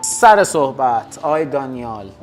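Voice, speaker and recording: Male game host, brisk and announcing, mid voice. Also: mid-range voice, very animated, faint music behind. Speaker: game narrator. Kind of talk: moderating a party game.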